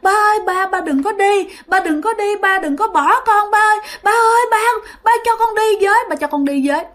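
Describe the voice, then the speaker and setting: A woman's voice: very high voice, brisk, a bit bright, voice pushed up. A woman voicing a young child who sobs and wails, begging her dead father not to leave her. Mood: sobbing, pleading. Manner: wailing, repeating pleas.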